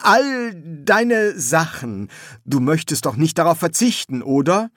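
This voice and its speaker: A man's voice: fairly high pitch, big pitch swings, a little slow, no echo, clean studio sound, pitched above the performer's own voice. A man voicing an anxious young king who hesitates and fusses in an audiobook. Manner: hesitant, fussy.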